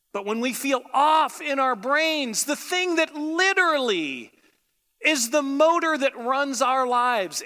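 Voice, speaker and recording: A man's voice: extremely high pitch, bright, forceful tone. An American man preaching a sermon in a conversational, emphatic way, repeating phrases for emphasis. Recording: echoey hall with long reverb.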